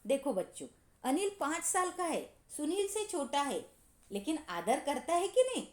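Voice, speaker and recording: A woman's voice: high-pitched, sing-song, normal speed, a little mellow, roomy sound. A woman teacher explaining a story lesson to her pupils, asking them questions and repeating key points. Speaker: school teacher.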